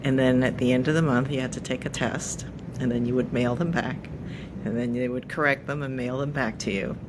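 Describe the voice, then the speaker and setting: A middle-aged woman from Japan, answering interview questions thoughtfully with pauses and fillers. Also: very deep voice, fairly even intonation, background noise. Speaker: podcast guest.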